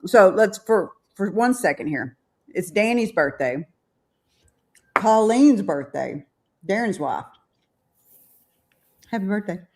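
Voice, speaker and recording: Woman host, bubbly, chatty, casual livestream, mid pitch. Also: lively intonation, slow, pauses often, darkish tone.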